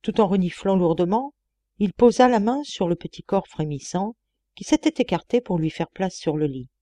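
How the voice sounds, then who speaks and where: A woman narrates a literary audiobook with measured, expressive reading. Her voice is mellow and warm, recorded dry and close. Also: mid-range voice, no echo. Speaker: audiobook reader.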